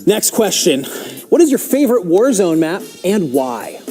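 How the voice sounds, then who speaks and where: A man hosting an esports broadcast, running a playful quiz segment and commentating with teasing, quick asides. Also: high voice, sing-song, mellow, soft background music. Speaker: esports broadcast host and interviewer. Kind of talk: playful game-show hosting and tournament commentary.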